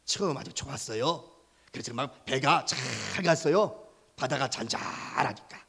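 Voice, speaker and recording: A man preaching to children as a Sunday school preacher, telling a Bible story in an animated way and asking them questions. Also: mid-range voice, measured pace, slightly rough. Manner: animated, asks children questions, voices sound effects.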